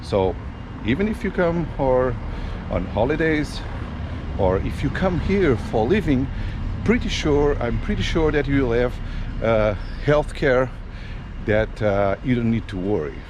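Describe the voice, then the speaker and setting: A man's voice: medium pitch, lively intonation. Guy filming a walking tour outside, lots of uhs and ums, street noise going on behind him. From Portugal. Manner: unhurried, many fillers and restarts. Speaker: travel vlogger. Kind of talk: casual walking tour vlog. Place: outdoors on city streets.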